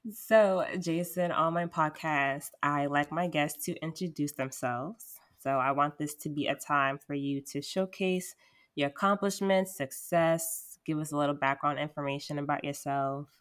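A woman's voice: sits low, moderate pace. A young woman hosting an interview podcast in an upbeat, encouraging manner. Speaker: podcast host.

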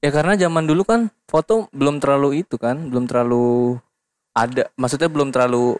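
A man, a podcast guest in casual chat who drops deadpan jokes in slang. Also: mid-range voice, a little fast, clean tone. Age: 20s.

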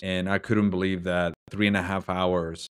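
A man's voice: low voice, little pitch movement, moderate pace, smooth. A man hosting an interview, speaking earnestly and agreeably while sharing his own story. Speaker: podcast host. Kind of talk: conversational interview.

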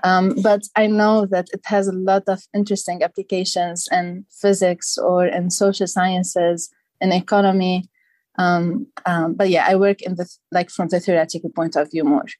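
A woman's voice: on the low side, flat delivery, moderate pace, darkish tone, dry recording. A young woman from Lebanon, a guest on an interview podcast, explaining her studies thoughtfully with many fillers. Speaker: guest, PhD candidate. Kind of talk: casual interview.

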